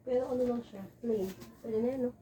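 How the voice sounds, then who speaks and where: A woman's voice: a little high, fairly even intonation, brisk, mellow, recorded from a distance. A woman with a Filipino accent, chatting and teasing while sorting clothes. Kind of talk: casual chat. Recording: off-mic with noticeable noise.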